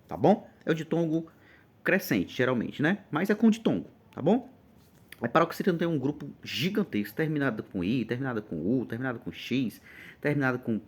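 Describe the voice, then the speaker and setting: Man, Brazilian Portuguese accent, exam-prep teacher, emphatic, keeps checking in, mid-pitched voice. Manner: lively, emphatic, checks in often. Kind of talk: informal exam-prep lesson.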